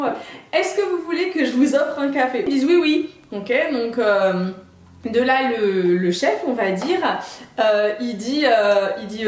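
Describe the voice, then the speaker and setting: A woman vlogger telling a casual story in her apartment, acting out each side of the dialogue. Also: high voice. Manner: animated, acts out both sides of the dialogue. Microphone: camera mic. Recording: roomy, echoey apartment room.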